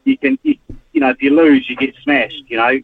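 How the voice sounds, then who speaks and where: A man's voice: medium pitch, big pitch swings, brisk, creaky. A man with a New Zealand accent phones in to a sports radio show from a car speakerphone while driving his work van. His talk is easygoing and rambling. It comes through a thin, tinny phone line. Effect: car speakerphone over a phone line. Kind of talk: casual phone-in chat. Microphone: hands-free Bluetooth in a vehicle.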